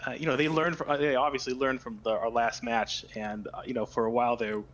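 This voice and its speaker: A man speaking in a casual post-match interview, halting and easygoing with lots of fillers. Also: medium pitch, flat delivery, a bit bright, low-quality recording. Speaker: team player interviewed after match.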